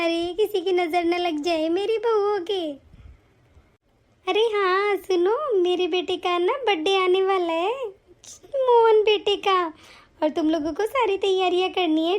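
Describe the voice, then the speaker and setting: A woman voicing a doting, fretful older mother-in-law in an animated story. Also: extremely high pitch.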